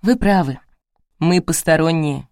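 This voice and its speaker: A woman reading an audiobook, voicing a calm, practical older woman who speaks slowly and firmly. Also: low-pitched, dry recording, clean studio sound. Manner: slow, measured, reassuring.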